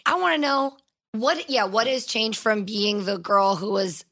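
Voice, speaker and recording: A woman's voice: medium pitch, a little slow, fairly bright tone. A woman guesting on a podcast in casual chat, loose and hesitant with many fillers. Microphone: podcast microphone.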